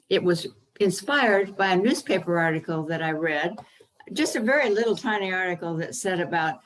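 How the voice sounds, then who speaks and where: A woman author reading her own children's story aloud over a video call, unhurried with the odd um. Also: lowish voice, low-quality recording. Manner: unhurried reading with occasional ums.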